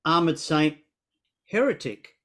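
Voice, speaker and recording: A man's voice: on the high side, expressive, slow, fairly bright tone. A middle-aged man with an Australian accent hosting an interview over a video call, telling stories and backing the guest with frequent "yeah"s. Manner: friendly storytelling, frequent "yeah" backchannels. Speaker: interview host. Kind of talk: casual interview chat. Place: indoor room at home.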